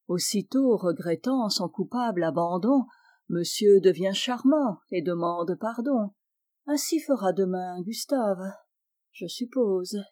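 Slow, theatrical woman reading verse. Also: mid-range voice, no room sound, studio quality. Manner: expressive, swinging between hushed asides and bright exclamations. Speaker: reader of a comic verse monologue.

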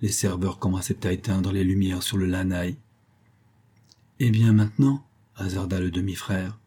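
Man, audiobook narrator, measured literary reading, dark mellow voice, husky. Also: low voice, fairly even intonation.

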